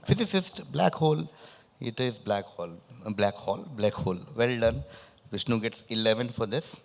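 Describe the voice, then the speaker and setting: Male quiz host, average pitch, lisp with whistling s, live and conversational, reverberant recording. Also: lively intonation, moderate pace, gravelly. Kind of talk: live quiz hosting, reading questions and chatting with contestants. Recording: echoey, long room reverb.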